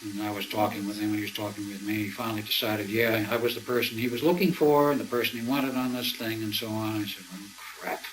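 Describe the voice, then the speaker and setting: Older man, low voice, storytelling. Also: fairly even intonation, fast talker, hardly any pauses, noisy background. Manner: acts out quoted dialogue, clears throat now and then. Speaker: interview guest. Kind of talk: conversational storytelling.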